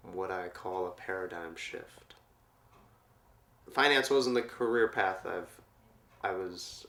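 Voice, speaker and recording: A man from Portland, Oregon who teaches yoga, answering interview questions in a calm, earnest, spiritual way. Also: low voice. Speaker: yoga teacher and massage therapist.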